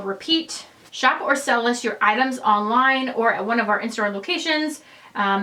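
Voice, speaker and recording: A young woman with a fairly high voice talks through an unboxing in a chatty, excitable way, rambling from one detail to the next. A faint hiss sits under the recording. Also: poor audio. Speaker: fashion vlogger. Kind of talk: casual unboxing chat.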